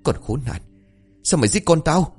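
A man's voice: fairly high pitch, animated, normal speed, breathy edge, soft background music, voice pushed up. A man voicing an enraged, violent young husband with a raised, harsh delivery, in an audio story. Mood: furious. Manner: shouting accusations, raised and harsh.

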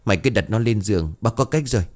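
A man's voice: fairly low pitch, lively intonation, fast, darkish tone, close to an everyday voice. A man voicing a stern, blunt old village man in a ghost story.

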